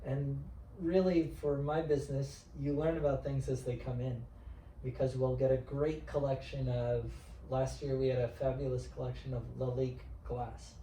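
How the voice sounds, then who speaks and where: A man's voice: mid-range voice, little pitch movement, normal speed, warm tone. A chatty man talks casually about his work, wandering through details and correcting himself as he goes. His voice sits in a middle range. The mic is well away from him in an echoey room with a faint hiss. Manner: chatty, rambling, self-correcting. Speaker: auctioneer and art specialist. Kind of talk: casual interview conversation. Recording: roomy sound from a distant mic.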